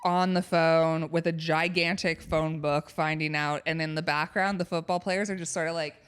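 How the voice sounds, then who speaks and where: Low, smooth-voiced woman podcast co-host. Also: steady tone, normal speed, a bit bright. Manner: chatty, frequent "like" fillers, laughs often. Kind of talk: casual chat recapping a film.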